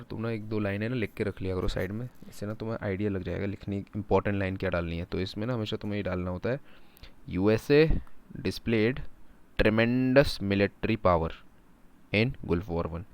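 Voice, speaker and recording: A man giving a casual, animated lecture, mixing Hindi and English, asking his students rhetorical questions. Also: on the low side, fast talker. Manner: animated, talks in first person as a country, rhetorical questions. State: sore throat. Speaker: teacher.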